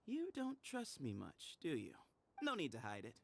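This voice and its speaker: An actor playing the sly, teasing leader of an armed band in a video game, with a glib, mocking, casual manner. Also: male voice, a little high, wildly swooping pitch, moderate pace, gravelly, a bit bright, heavily acted. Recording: faint background noise.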